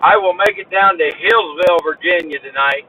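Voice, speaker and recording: A man's voice: high-pitched, moderate pace. A man driving a truck, chatting casually with viewers of his live stream and greeting them by name. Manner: drawling, talks to chat viewers by name. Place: truck cab on the road. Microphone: phone. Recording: dull phone recording with road noise.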